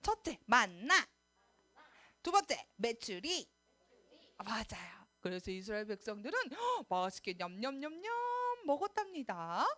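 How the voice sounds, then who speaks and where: A woman, a children's pastor, telling a Bible story in a sermon for little children, animated and asking them questions. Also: a little high, measured pace, soft background music. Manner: animated, sing-song, asks the children questions.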